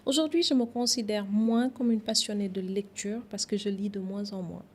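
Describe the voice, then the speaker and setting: A woman from Senegal, a guest on a podcast interview, speaking in a reflective, measured way with some hesitations. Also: mid-range voice, fairly even intonation, a little mellow.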